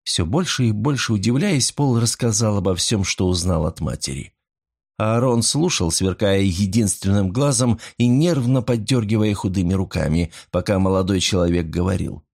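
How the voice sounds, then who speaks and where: A man narrating an audiobook in an even, measured way. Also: fairly low pitch, creaky.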